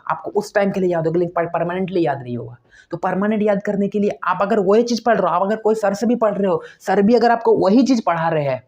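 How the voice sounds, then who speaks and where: A high-pitched man with a darkish tone, an exam-prep teacher, gives students motivational study advice. He is emphatic, repeats his points, and fires off rhetorical questions.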